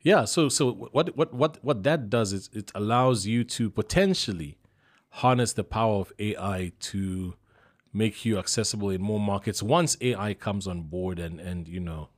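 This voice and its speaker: Zambian guy, voice-over artist, kinda low voice, laid back and laughing a lot. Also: normal speed. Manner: relaxed storytelling, laughs often, many restarts. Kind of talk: casual interview chat.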